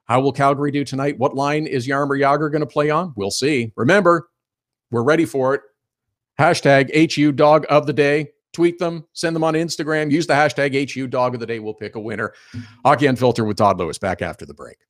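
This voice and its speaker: A man's voice: medium pitch, a little fast. Chatty opinionated male hockey radio host. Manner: chatty, opinionated, laughs while telling stories. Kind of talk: casual hockey radio talk.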